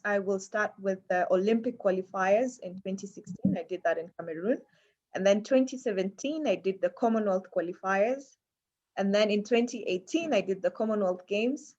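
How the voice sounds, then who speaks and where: A woman's voice: mid-range voice, highs cut off. A woman from Kenya with a Kenyan accent, talking casually and chattily as an athlete being interviewed, often repeating phrases for emphasis.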